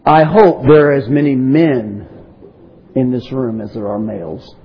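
A man's voice: mid-range voice, a little slow, husky, highs cut off. A man preaching a sermon to a congregation, asking rhetorical questions and prompting his listeners to respond.

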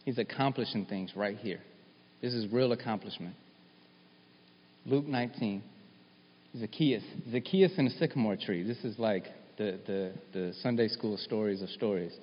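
A man's voice: fairly low pitch, normal speed, breathy edge. Man preaching in an echoing hall. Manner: animated, rising to emphatic bursts, repeats and restarts. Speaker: pastor. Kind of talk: sermon. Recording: dull sound with long hall reverb.

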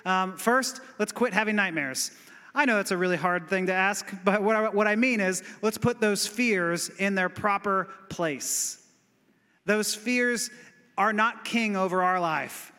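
Male pastor, high sharp voice, lively conversational sermon, echoing church sanctuary. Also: unhurried, clean tone. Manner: animated, conversational preaching that builds to exclamations. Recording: long reverb of a church hall.

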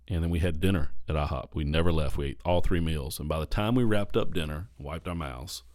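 Deep-voiced pastor telling a candid story. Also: male voice, no room sound, clean studio sound. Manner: candid, animated storyteller who repeats phrases for emphasis. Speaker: pastor and podcast host. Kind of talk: casual podcast storytelling. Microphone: podcast microphone.

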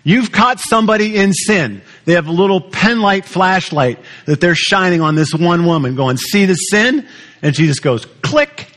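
A man's voice: high voice, normal speed, hardly any pauses, a bit bright. A male pastor preaching a sermon in a conversational way, asking the congregation questions.

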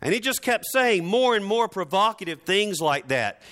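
Here a man preaches with a high, sing-song, somewhat bright voice. The sermon is dramatic and rhetorical, delivered emphatically and theatrically, with intentional repetition and the occasional sardonic remark.

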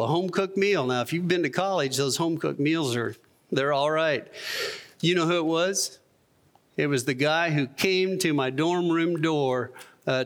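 A middle-aged man giving a sermon testimony as guest speaker, telling his story with chuckles and slowing down to quote scripture. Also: a little high, a bit bright. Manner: storytelling, chuckles often, rises for emphasis, slows when quoting scripture.

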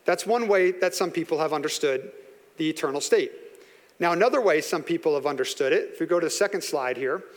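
A man with a high, light voice preaches a sermon, earnest and conversational. He slows right down to lean on his key lines. The sound carries a long reverb, as in a large hall. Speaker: pastor.

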